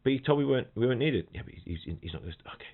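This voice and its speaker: A middle-aged professional trombonist chats casually on a podcast, trading anecdotes, often restarting sentences and imitating people and rhythms. His mid-range voice is expressive, creaky and husky, and he races along. The audio is thin, like a phone line.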